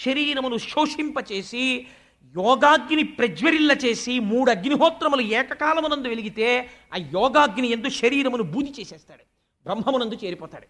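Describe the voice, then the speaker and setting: A man with a notably high voice delivers a devotional sermon. He tells stories in a chatty way and turns to the audience with polite asides. He slips into the quoted voices of relatives and sages as he recounts the scripture. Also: animated, normal speed, a bit bright. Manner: conversational storytelling with polite asides to listeners; acts out quoted speech of family members and sages. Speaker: spiritual discourse speaker.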